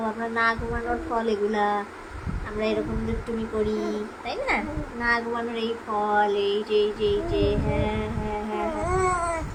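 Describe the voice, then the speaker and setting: A woman's voice: fairly high pitch, noisy background. A mother live-streaming with her baby son, chatting to viewers in a coaxing, sing-song baby-talk voice. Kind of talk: casual live-stream chat.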